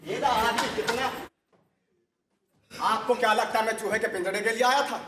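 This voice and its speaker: An actor playing a vain, flirtatious neighbour who insists on being called doctor, talking in a boastful, joking way in a TV sitcom. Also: male voice, high voice, fairly even intonation, moderate pace, noisy background, close to an everyday voice. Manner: boastful, jokey, laughing. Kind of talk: sitcom acting. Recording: roomy studio set.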